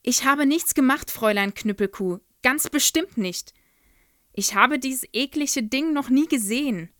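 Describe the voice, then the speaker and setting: A bright little schoolgirl, voiced by a woman reading a storybook, protests her innocence in a high, pushed-up voice. It is raised and insistent, recorded dry and close with no room around it. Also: lively intonation, a little slow, dry recording. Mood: indignant protest. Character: clever indignant little schoolgirl.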